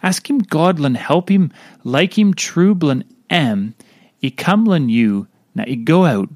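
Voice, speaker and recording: A man's voice: on the high side, animated, slow pace, darkish tone, dry recording, studio quality. A man with a Papua New Guinean accent reading a scripted devotional talk. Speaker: devotional reader.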